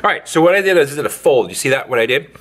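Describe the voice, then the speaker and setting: Host, male, cooking vlogger: lively rambling delivery, bright voice, faint room hiss. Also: medium pitch, rapid-fire. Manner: playful, rambling, with sing-song sound effects. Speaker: home cook, channel host. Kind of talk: casual cooking demo. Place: indoor kitchen, overhead camera on hands.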